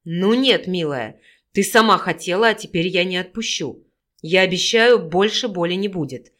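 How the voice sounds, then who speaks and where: Woman doing a male werewolf, husky, growling, gruff, possessive, commanding, audiobook voice. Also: fairly low pitch, lively intonation, normal speed, a bit bright.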